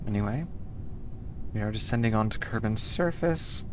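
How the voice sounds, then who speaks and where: This American streamer has a bass voice that is animated yet moderately paced, with background noise present. She talks casually with her viewers as she plays, rambling easily and answering chat between moves.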